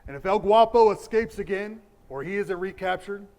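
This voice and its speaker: A man playing a stern police chief, commanding, scornful, a little high-pitched, stage musical. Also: moderate pace, darkish tone. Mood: threatening. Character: stern older male police chief, domineering.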